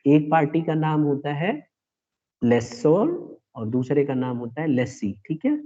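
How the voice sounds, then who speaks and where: A male teacher giving a classroom lecture, explaining step by step and often checking whether students follow. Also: medium pitch. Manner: explanatory, asks checking questions. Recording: tinny phone-like online class audio.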